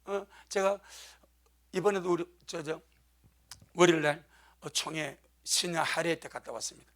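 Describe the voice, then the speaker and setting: Male pastor, fervent emphatic preacher with a high, bright, gravelly voice. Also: normal speed. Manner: fervent, emphatic preaching with frequent amen calls. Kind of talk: sermon.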